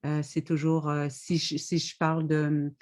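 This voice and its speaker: Low mellow woman on a webinar call, halting and thoughtful. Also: monotone. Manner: thoughtful, halting, explains slowly with many restarts. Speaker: guest poet and author. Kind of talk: webinar panel talk.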